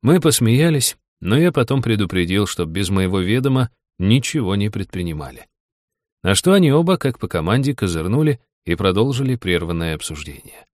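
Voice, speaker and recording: A man narrating a first-person audiobook in an even, steady storytelling manner. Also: on the low side, a little fast, no echo, studio quality.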